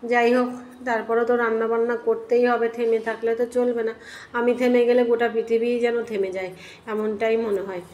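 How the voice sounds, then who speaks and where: A middle-aged woman, hoarse from a cold, chatting homely to viewers as she cooks fish in her kitchen. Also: a little high, flat delivery, fairly quick, darkish tone, dull audio. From Bengal. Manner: chatty, homely, talks to viewers while cooking. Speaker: cooking vlogger. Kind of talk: casual cooking commentary. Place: home kitchen.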